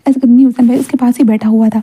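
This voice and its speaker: A woman's voice: a little high, fairly even intonation, very fast, mellow, breathy edge. A woman storyteller casually narrating a story, retelling scenes loosely with fillers.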